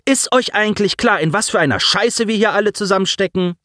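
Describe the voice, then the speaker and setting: A stern, gruff officer, as a male narrator puts him on, snaps and scolds in a raised, pitched-up bark. His lines come out in a clipped, dry, close-up storybook sound. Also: a little fast, sharp tone, dry recording. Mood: scolding. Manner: barking orders, scolding. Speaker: ensign.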